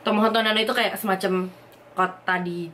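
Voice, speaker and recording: Crowd noise can be heard as a young Indonesian vlogger chats casually at home, reading out questions from viewers and responding. Her mid-range voice is lively and chatty, delivered in quick bursts.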